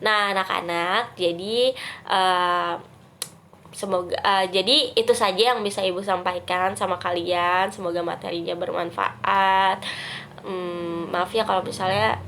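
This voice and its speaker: A woman's voice: fairly low pitch, fairly even intonation, unhurried, fairly bright tone. Woman teacher with a cold, nasal and stuffy, hesitant with fillers, faint hiss behind her. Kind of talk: online class lesson.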